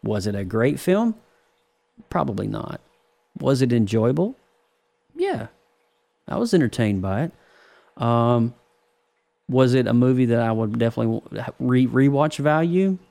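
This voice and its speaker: A man co-hosting a casual movie podcast, rambling with many restarts and quick laughs. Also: mid-range voice, expressive, vocal fry, mellow. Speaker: podcast co-host, film reviewer. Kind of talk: casual chat.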